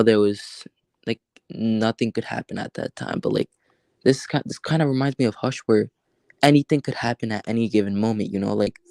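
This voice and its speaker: A man hosts a casual livestream, thinking out loud in halting, restart-filled sentences. His voice is low and gravelly, and the sound is dry and close. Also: dry recording. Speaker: livestream host.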